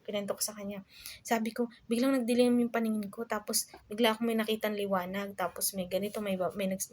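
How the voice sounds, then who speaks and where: A young woman from the Philippines talks straight to her vlog audience in an easy, chatty way, with plenty of fillers as she goes. Her voice sits at an ordinary middle pitch. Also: darkish tone. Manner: chatty, many fillers, addresses viewers as guys. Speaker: vlogger. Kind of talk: casual storytelling to viewers.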